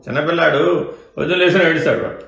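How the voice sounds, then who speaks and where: A man's voice: a little high, steady tone, very fast, gravelly, a bit bright. A man giving a question-and-answer spiritual discourse as a teacher, keeping his listeners engaged with rhetorical questions. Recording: echoey room.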